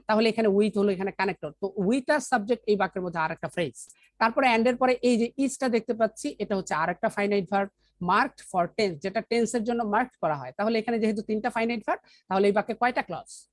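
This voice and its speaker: A woman with a Bangladeshi accent teaches an English grammar lesson, posing questions and then answering them herself while reading the English examples slowly. Her pitch is medium, and there is no room sound.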